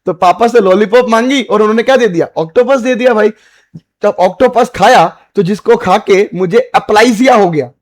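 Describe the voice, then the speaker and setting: A man's voice: high voice, normal speed. A man teaching biology for exam prep in speech, repeating key points, checking that students follow, and using playful memory tricks. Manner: repetitive, checks understanding, playful mnemonics.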